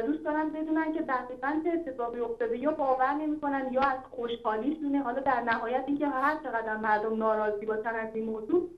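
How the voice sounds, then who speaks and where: A woman calling into a call-in show over the phone, talking in a casual, hesitant way with many fillers. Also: high voice. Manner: hesitant, many fillers, loose run-on sentences. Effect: phone line. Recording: dull lo-fi phone line.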